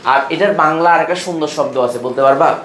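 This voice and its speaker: A man's voice: on the high side, brisk, a bit bright, slight background noise. Bangladeshi man teaching chemistry, echoey room. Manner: asks students questions and repeats key terms. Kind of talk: classroom lecture.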